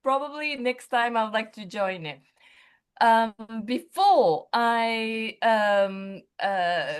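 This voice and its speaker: Slow, hesitant Japanese woman on a video call. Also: on the high side, clear, resonant tone. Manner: hesitant, searching for words. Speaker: local assembly member. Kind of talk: remarks over a video call.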